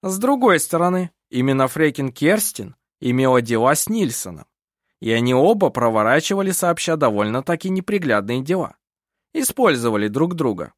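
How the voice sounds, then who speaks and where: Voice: medium pitch, dry recording, studio quality, close to an everyday voice. A reader voicing an unflappable, sly police officer in an audiobook. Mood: calm. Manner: calm, unhurried, sly. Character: calm sly middle-aged police officer. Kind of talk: audiobook character voice.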